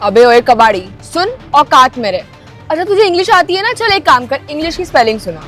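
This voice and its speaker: A woman's voice: extremely high pitch, very animated, quick pace, bright, forceful tone, faint music behind. A young woman acting an arrogant rich girl in a scripted drama, scornful and insulting.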